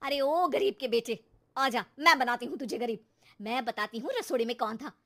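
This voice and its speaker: A woman voicing an exasperated, sharp-tongued mother and housewife who nags with sarcasm in an animated story. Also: fairly high pitch, moderate pace. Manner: sarcastic, nagging, exclamatory.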